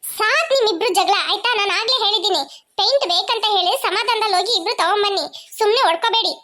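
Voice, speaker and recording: A woman voicing a patient cartoon mother who gently calms her two quarreling daughters. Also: extremely high pitch, fast. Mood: firm, calm. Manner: soothing, reasoning gently. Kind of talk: cartoon voice acting.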